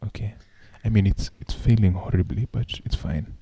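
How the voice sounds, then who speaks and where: A man co-hosting a podcast in casual chat, putting on a hushed, low late-night voice in a playful way. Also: normal speed, slightly rough, no echo. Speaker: podcast co-host.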